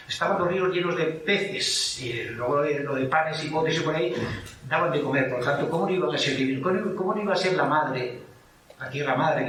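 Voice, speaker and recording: Man with an Asturian Spanish accent, digressive lecturer, slightly high voice, picked up from a distance in a reverberant hall. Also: a bit bright, slight background noise. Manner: rambling, digressive, anecdotal. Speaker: book co-author presenting. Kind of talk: lecture-style talk on place names. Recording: echoey hall from far off.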